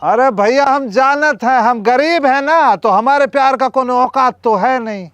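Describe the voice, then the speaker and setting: Actor as a fast-talking village trickster, high voice, soft music behind. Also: male voice, smooth, no room sound, muffled recording. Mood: mocking. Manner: sweet-talking, boastful, mocking. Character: smooth-talking young male village conman. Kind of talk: village comedy sketch acting. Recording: music underneath.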